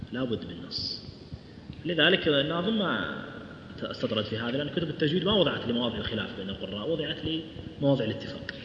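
Fast-talking man teaching in an echoey hall. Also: mid-range voice, a bit bright. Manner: explains quickly, asks the class questions, recites verse slowly. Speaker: Quran recitation teacher. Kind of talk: classroom lecture on tajweed. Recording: echoey hall, dull lo-fi sound, faint hum.

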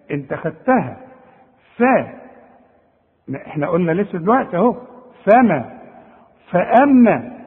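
Egyptian male recitation teacher, husky and high, animated corrections, tinny phone-like audio with hall reverb. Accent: Egyptian Arabic. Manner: animated, demonstrates letter sounds, corrects the listener. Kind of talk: colloquial tajweed lesson.

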